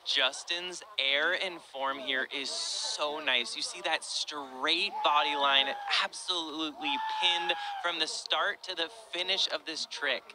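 A man's voice: a little high, steady tone, slow, hardly any pauses, crowd noise, low-quality recording. A man giving live sports color commentary as an expert analyst, breaking down technique with enthusiasm.

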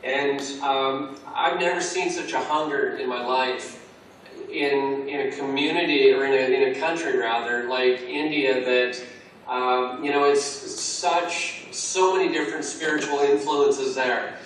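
A man's voice: mid-range voice, fairly even intonation, measured pace, fairly bright tone, a little hiss or hum. A man being interviewed over a call about a church course, talking earnestly and restarting his sentences often. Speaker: Alpha course trainer, interviewee. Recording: echoey distant call audio.

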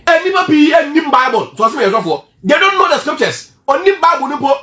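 Ghanaian male preacher, high voice, lively swooping delivery, echoey room. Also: brisk. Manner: animated preaching, switching between Twi and English, rhetorical questions. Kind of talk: sermon.

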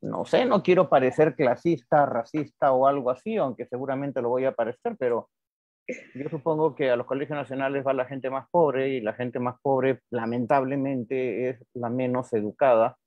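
A man's voice: mid-range voice, fairly even intonation, moderate pace, no room sound. A male psychotherapist answering interview questions in a frank, reflective way, repeating words for emphasis. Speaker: psychotherapist guest. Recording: dry, dull lo-fi sound.

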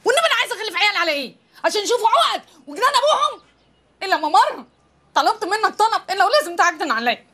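An actress playing a sharp-tongued, fed-up young wife with an Egyptian accent, scolding her husband. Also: extremely high pitch, big pitch swings, very fast, exaggerated voice. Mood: exasperated. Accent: Egyptian Arabic. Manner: scolding, exasperated. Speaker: comic film wife. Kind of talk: comedy film acting.

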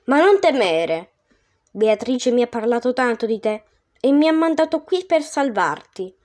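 A woman voicing the ghost of an ancient Roman poet, a stern yet gentle man who speaks low, hushed and measured. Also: big pitch swings. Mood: solemn reassuring.

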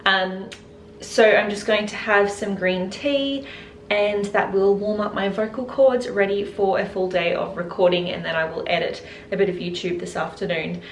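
A health vlogger talks casually to the camera from her home kitchen and living room. Her medium-pitched voice moves at a normal speed with fairly even intonation, and the recording has roomy echo and clear background noise.

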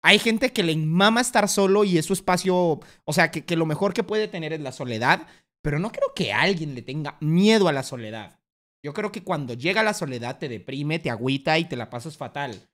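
A man streaming a casual reaction to a video, talking bluntly, swearing freely and now and then acting out a voice in a sudden loud burst. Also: fairly high pitch, lively intonation, a little fast.

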